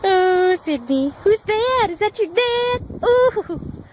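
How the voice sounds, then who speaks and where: A woman comments on a homecoming from behind her phone camera, exclaiming and laughing as she goes. Her voice sits very high and swings widely, and her words come slowly. Steady noise runs under the home-video sound. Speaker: family member filming a homecoming.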